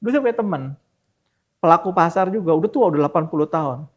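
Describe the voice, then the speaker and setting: A man's voice: a little high, lively intonation, fast talker, dull audio. A middle-aged man talking casually as a podcast guest, explaining things with lists and rhetorical questions. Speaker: stock market guest.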